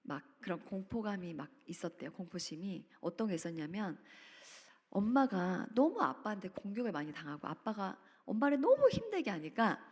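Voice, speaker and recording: A woman's voice: mid-range voice, very animated, moderate pace, darkish tone, slightly rough. A woman speaker at a church family seminar retells a story dramatically, acting out quotes with sudden leaps in her voice. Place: church retreat center hall. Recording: reverberant hall.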